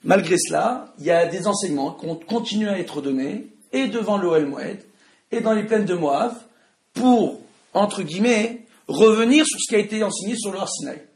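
Man, Tunisian French accent, religious teacher, loud and emphatic, raspy voice, echoey room. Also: sits high, lively intonation, moderate pace. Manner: loud, emphatic, asks the audience questions. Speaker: Torah teacher. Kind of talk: religious study lesson. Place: room with an audience.

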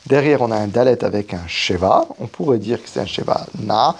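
Lively-voiced man teaching grammar. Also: on the low side, a little fast, a little hiss or hum. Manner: methodical explaining, stops to correct himself. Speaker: teacher of biblical Hebrew grammar. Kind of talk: spoken grammar lesson.

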